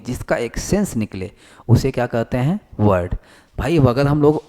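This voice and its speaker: This is a man lecturing a class on the fundamentals of English, his medium-pitched voice a little mellow. He turns each point back into a question and dictates definitions slowly as he writes them up on the board.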